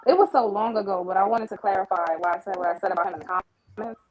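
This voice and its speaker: A woman's voice: mid-range voice, rapid-fire, crowd noise. A woman speaking over a group voice chat connection, making pointed, articulate arguments in a casual debate. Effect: heard through a group voice chat connection. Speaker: participant in a live audio chat.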